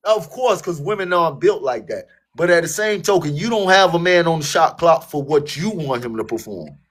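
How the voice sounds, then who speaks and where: A man's voice: on the high side, lively intonation, normal speed. A man defending himself frankly and casually in a panel debate.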